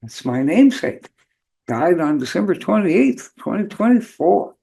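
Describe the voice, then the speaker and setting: A man with a hoarse, worn voice hosting a show in an informal, halting monologue with rambling asides. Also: high-pitched, very animated, dark tone. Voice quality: hoarse, beat-up voice. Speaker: host of a spirituality show.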